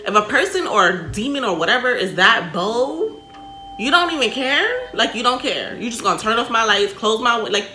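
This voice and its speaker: An American woman giving casual reaction commentary in an animated, emphatic way with plenty of swearing and slang. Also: fairly high pitch, normal speed. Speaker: reaction video host. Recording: roomy echo, music behind.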